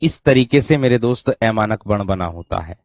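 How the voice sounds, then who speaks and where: A man teaching a Hindi grammar class online, repeating key phrases, slowing down to dictate and often checking whether students understood. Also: fairly low pitch, lively intonation, no room sound. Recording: dry, dull lo-fi sound.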